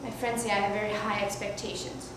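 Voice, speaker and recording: A woman's voice: mid-range voice, flat delivery, fast talker, far from the mic. A woman performing a one-woman comedy monologue on stage, telling a wide-eyed story with laughter. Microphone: far from the mic. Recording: echoey stage heard from afar, noisy.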